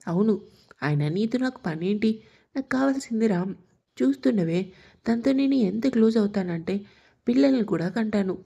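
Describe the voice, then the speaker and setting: A jealous, scheming young woman, voiced by a woman storyteller, full of mocking taunts. The voice is gravelly and low-lit, with a husky edge, in a storybook reading. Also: expressive, moderate pace, long pauses, mellow, dull audio. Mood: smug.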